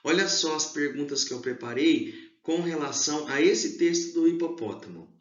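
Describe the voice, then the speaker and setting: A male teacher giving an exam review lesson to schoolchildren, explaining slowly and stressing key syllables. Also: a little high, expressive. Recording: echoey room, dull lo-fi sound.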